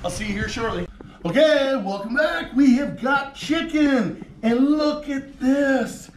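A man's voice: extremely high pitch, takes it slowly, slight background noise. A man in his forties hosting a cooking show, chatting enthusiastically to viewers as he cooks in a kitchen. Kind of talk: casual cooking demonstration. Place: home kitchen studio, indoors.

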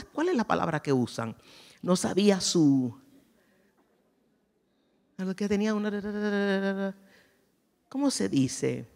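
A woman giving a chatty, playful sermon at a conference, often asking her audience questions. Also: lowish voice. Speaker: conference speaker. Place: church conference hall. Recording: long reverb of a large hall.

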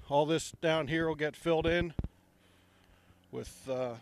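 On a relaxed walk around an outdoor construction site, a middle-aged man speaks into a handheld mic, using many "ums." His voice is on the high side, slow and creaky, and the recording has a little hiss or hum.

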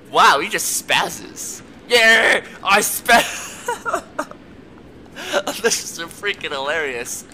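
Young male gamer, slow but animated delivery, very bright tone, coaxes the characters on screen. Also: sits high, a little hiss or hum. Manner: excitable, talks to the game characters, laughs a lot. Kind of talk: let's play commentary.

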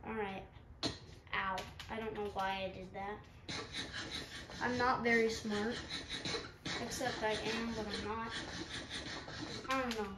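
Her mid-range voice holds a steady tone as she goes slowly and pauses often. This stuffy-nosed gaming channel host offers rambling, self-deprecating let's-play commentary, recorded roomy and distant over a faint background hum.

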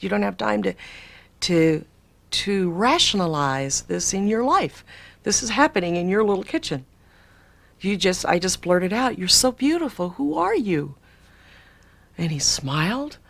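Gravelly-voiced woman in an old interview. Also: medium pitch. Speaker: spiritual channeler. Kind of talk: archival interview.

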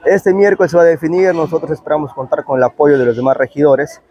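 Quick-paced and fairly even in intonation, this man's voice sits on the high side, with the highs cut off in the recording. He's a Peruvian Spanish-accented town councillor in his thirties giving a spoken news interview answer in a covered market, wearing a clip-on lapel microphone.

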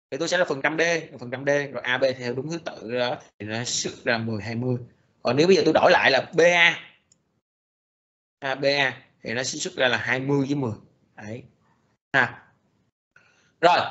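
A male lecturer explains code slowly, filling pauses with hesitant sounds and restarting his sentences. His voice is bright and forceful, and the recording is dull and lo-fi. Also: medium pitch. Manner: halting, many fillers and restarts. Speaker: programming lecturer.

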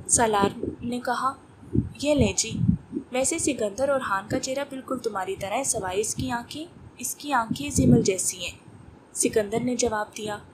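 A woman with a slightly high voice reads a romance novel aloud, voicing every part without changing her tone. A clear hiss and clicking sit under the whole recording. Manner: reads all parts in her own voice. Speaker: novel narrator. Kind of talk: audiobook reading of a romance novel.

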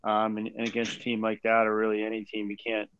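A man in his forties, a head baseball coach, answering press questions after a game in a measured way with many fillers and restarts, over a video call from a small room. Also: on the low side, completely flat delivery, a bit bright, clean tone, no room sound. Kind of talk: postgame press conference. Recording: dull dry video call audio.

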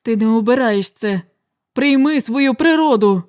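A woman reading an audiobook, voicing a middle-aged father who speaks loudly and urgently, giving commands. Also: a little high, measured pace, no room sound, clean studio sound, close to an everyday voice. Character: stern father, a werewolf, middle-aged man.

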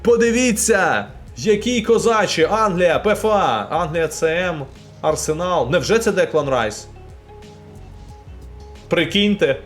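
A man's voice: a little high, slow pace, long pauses, soft background music. A young man from Ukraine casually commenting live while opening game packs and talking to his chat. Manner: chatty, animated, talks to chat.

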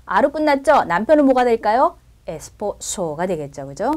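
Woman, Spanish teacher, animated pitch, step-by-step explaining, checks in often. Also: normal speed. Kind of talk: recorded language lesson.

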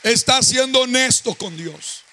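A man preaching a sermon as pastor, impassioned, rising into chanted, shouted peaks. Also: extremely high pitch, expressive, a little slow, a little hiss or hum.

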